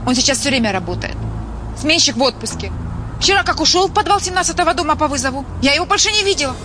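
Exasperated housing dispatcher, complaining, very high animated voice, crime drama, traffic noise. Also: female voice, quick pace. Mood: exasperated, nosy. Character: chatty, exasperated female housing-office dispatcher. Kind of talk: screen crime drama acting. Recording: clear outdoor street and traffic noise.

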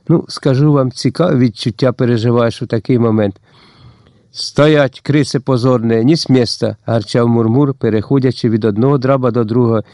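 A man reading a first-person audiobook with lively storytelling that slips into a slangy tough-guy voice. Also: mid-range voice, no echo, studio quality. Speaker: audiobook narrator. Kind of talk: scripted first-person narration.

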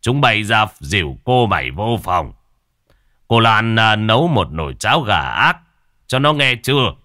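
Man voicing an old grandfather, gruff, scolding, slow, bright edge, dry recording. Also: lowish voice, very animated, no room sound, full character voice. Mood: commanding. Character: stern old grandfather, wealthy household head.

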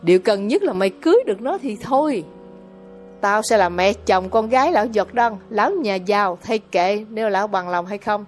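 A woman voicing a greedy, hot-tempered older village mother who scolds loudly and harshly in a storybook reading. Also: mid-range voice, moderate pace, soft background music, lightly acted. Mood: scheming.

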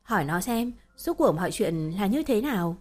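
Bossy middle-aged village woman, loud and scolding, read by a woman narrator. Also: medium pitch, very animated, normal speed, slightly rough, faint music behind. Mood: coaxing.

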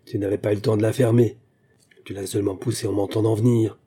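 A man's voice: lowish voice, little pitch movement, fast talker, slightly rough. A man voicing a jealous, furious young customs guard who sneers and threatens in a read-aloud story. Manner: sneering, menacing, loud.

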